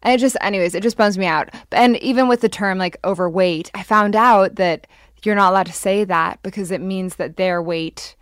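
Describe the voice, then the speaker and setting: A woman's voice: mid-range voice, normal speed, no echo, studio quality. A woman who grew up in Japan and Hong Kong, a guest in a casual chat, bubbly and agreeable, laughing easily.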